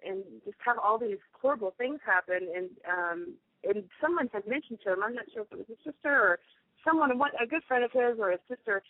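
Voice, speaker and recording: A woman from Tennessee, a singer and guest, chatting easily on the phone, laughing often and filling pauses with lots of ums. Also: medium pitch, no echo. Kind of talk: phone interview chat. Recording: tinny phone line.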